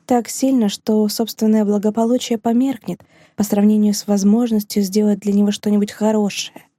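A woman reading an audiobook, voicing a heartbroken woman teacher who speaks in a hushed, trembling but firm manner. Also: medium pitch, little pitch movement, moderate pace, no echo, studio quality, close to an everyday voice. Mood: sorrowful, resolute.

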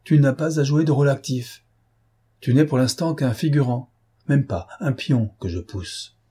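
A man's voice: mid-range voice, normal speed, dark tone, slightly rough, natural voice. A man reading an audiobook voices a proud, domineering noble master who speaks with emphatic irony. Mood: dismissive. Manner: emphatic, ironic, imperious.

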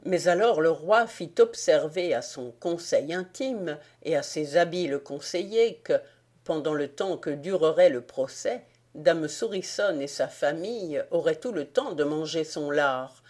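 Woman, audiobook narrator, slow and measured, lowish voice. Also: darkish tone. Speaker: audiobook reader. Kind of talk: scripted narration.

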